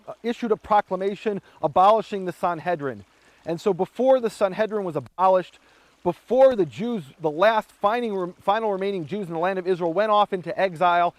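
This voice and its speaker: This male Bible teacher uses a storytelling style to teach scripture and history, acting out what his characters shouted by raising his voice. His pitch sits fairly high, and the sound is close-miked and dry with no echo.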